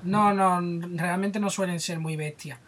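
A podcast host with a Spanish accent, retelling a comic story in an animated way, with lots of swearing. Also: mid-range voice, a little slow, noisy background. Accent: Spain. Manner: animated, profane, retelling stories with voices. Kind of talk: casual storytelling chat.

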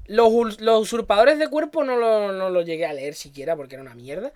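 A woman with a Spain Spanish accent in casual chat, animated and sarcastic, swearing often as she rants. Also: mid-range voice, fairly quick.

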